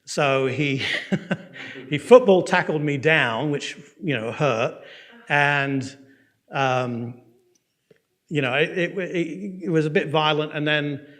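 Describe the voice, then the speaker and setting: A man's voice: a little high, a bit bright. English man telling his story in class. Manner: conversational storytelling, checks in with listeners; frequent fillers and restarts, pace swinging quick and slow. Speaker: Bible course teacher. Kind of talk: lecture with personal testimony.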